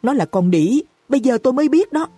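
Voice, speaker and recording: A woman's voice: mid-range voice, lively intonation, dark tone, husky, no room sound, faint music behind. Woman doing a furious jealous husband. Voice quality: fast, furious accusing. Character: jealous enraged young husband, hot-tempered.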